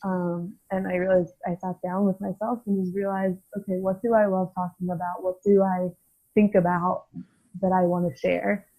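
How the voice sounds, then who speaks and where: A woman's voice: lowish voice, little pitch movement, normal speed. Young woman guest, frank and reflective, laughs easily; narrow phone-like sound. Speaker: podcast guest, physical therapy student. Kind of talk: casual conversation. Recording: tinny phone-like line.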